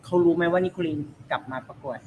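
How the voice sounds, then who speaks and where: A woman's voice: low-pitched, quick pace, muffled recording, noisy background. A woman co-hosting a casual chat interview, teasing and jokey with blunt slang. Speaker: co-host.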